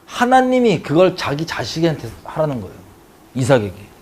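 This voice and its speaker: Dramatic, fairly high-voiced male Bible teacher. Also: huge pitch swings, normal speed, a little mellow, slight background noise. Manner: dramatic storytelling, acting out quoted cries; addresses listeners with questions.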